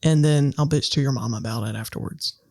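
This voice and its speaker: Brash, swearing woman with a low voice. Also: brisk, gravelly, no echo, studio quality. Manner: loud, brash, swears freely. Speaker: player. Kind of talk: casual chat.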